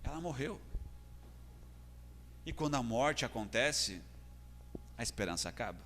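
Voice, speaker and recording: A man's voice: mid-range voice, animated, a little slow, fairly bright tone. A man with a Brazilian Portuguese accent preaching a sermon as pastor, earnest and building in intensity. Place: church hall. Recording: long church hall reverb.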